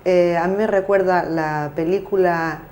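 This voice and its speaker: A woman's voice: fairly low pitch, steady tone, measured pace, a little mellow, slight background noise. A woman, explaining at length as an interview guest, with frequent fillers and self-corrections. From Canary Islands. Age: 40s. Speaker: interviewee, parent and association president. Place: local TV studio.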